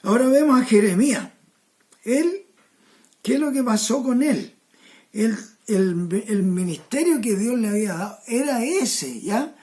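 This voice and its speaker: A woman's voice: fairly high pitch, animated, warm tone. A woman preaching a sermon to a congregation, checking in with them often and restarting her phrases. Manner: slow, repeats "¿ya?" and "hermano" to the congregation; restarts and repeated words.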